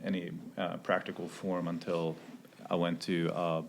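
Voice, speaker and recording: A man, a missionary answering interview questions hesitantly with many pauses and restarts. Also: deep voice, flat delivery, creaky, slight background noise. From Sweden. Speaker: missionary pilot.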